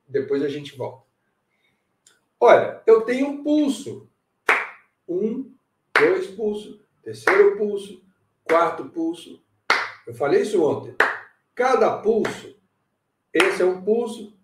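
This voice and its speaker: A man's voice: on the high side, darkish tone, reverberant, far from the mic. A man teaching music in a live online lesson, talking animatedly, repeating phrases and checking in with his students.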